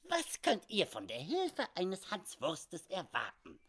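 A man reading aloud and voicing a small, wily old frontier trapper who mocks and chuckles in a high, squeaky voice. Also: huge pitch swings, slow pace, fairly bright tone, breathy edge, full character voice. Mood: mocking. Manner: mocking, dry.

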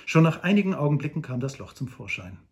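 A man narrating an adventure novel aloud with lively storytelling. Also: a little high, fast talker, vocal fry. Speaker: audiobook narrator.

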